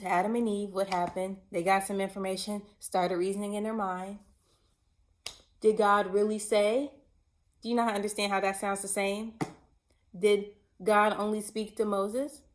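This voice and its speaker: A woman teaching scripture in a casual online sermon, emphatic and conversational, putting questions to her listeners. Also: medium pitch. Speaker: bible teacher.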